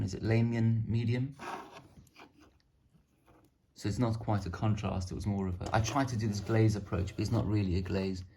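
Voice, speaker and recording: A man's voice: on the low side, gravelly, background noise. A man casually showing off his painted miniatures, rambling and self-deprecating. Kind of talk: casual hobby show-and-tell.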